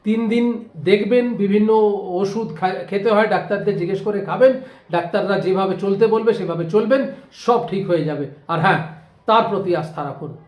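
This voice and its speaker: A man with a fairly high voice and a Kolkata Bengali accent, telling a comic anecdote and handing out advice. He talks in a chatty way to his viewers, in a roomy space with echo. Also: normal speed. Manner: chatty, advising, acts out neighbours. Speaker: motivational video host. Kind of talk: comic storytelling to camera. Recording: echoey room.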